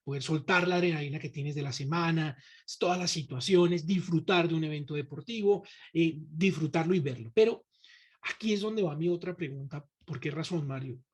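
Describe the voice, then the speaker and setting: A man's voice: on the high side, moderate pace, husky. A man hosting a conversational interview, speaking reflectively and emphatically while putting probing questions to his guest. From Colombia. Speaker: host.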